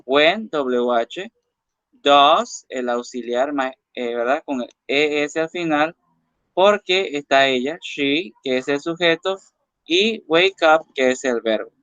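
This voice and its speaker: Slow-paced male English teacher. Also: fairly high pitch, animated, fairly bright tone, smooth, dry recording. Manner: explains slowly, repeats English phrases then translates, frequent "ok?" check-ins. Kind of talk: recorded classroom lesson. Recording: dull lo-fi dry recording.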